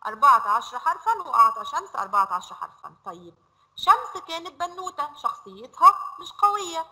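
A woman with an Egyptian Arabic accent teaching a children's lesson, stretching words out slowly as she drills them. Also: high-pitched, bright, forceful tone, rough recording. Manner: slow, drawn-out word drills.

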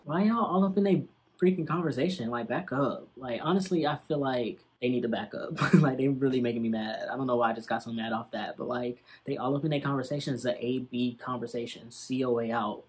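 Young guy reacting to an old show, husky voice, sassy and slangy, real animated. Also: medium pitch, a little fast, hardly any pauses. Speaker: vlogger reacting to an old TV episode. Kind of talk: casual reaction commentary.

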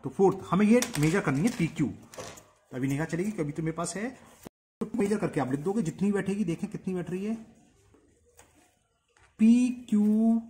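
A man teaching a maths lesson step by step. He dictates steps slowly while he writes and asks checking questions. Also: high-pitched, darkish tone, slight background noise. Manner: stretches out dictated words. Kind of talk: step-by-step geometry lesson in Hindi with English terms.

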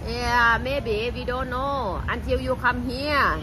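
A woman's voice: fairly high pitch, slow. A woman in her thirties with a Thai accent chats casually on a livestream in simple, broken English, often giggly. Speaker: livestream host at a bar. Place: open-front roadside bar at night. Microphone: phone at arm's length. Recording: noisy outdoor street bar, traffic and chatter.

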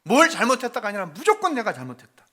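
A middle-aged male pastor telling a personal family story in a sermon, moving between hushed confession and loud acted-out quotes. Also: very high-pitched, wildly swooping pitch, fast.

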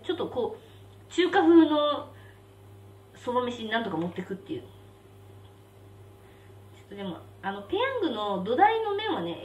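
A woman's voice: high-pitched, darkish tone. A young woman hosting a casual live stream, chatting and reacting aloud as she eats spicy noodles and reads out viewer comments. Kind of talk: casual live-stream chat while eating. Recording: roomy, slightly distant mic with faint background hum.

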